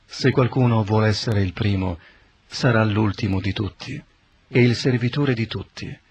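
A man reading the words of Jesus as a calm, authoritative teacher in a scripted Bible reading, solemn and measured. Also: lowish voice, close to an everyday voice. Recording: dull lo-fi recording.

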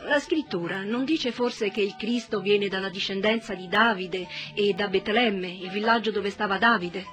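A woman's voice: medium pitch, moderate pace, a bit bright, faint music behind, lightly acted. A woman voicing a member of the crowd in a dramatized Bible reading, asking questions in a wondering tone. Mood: questioning.

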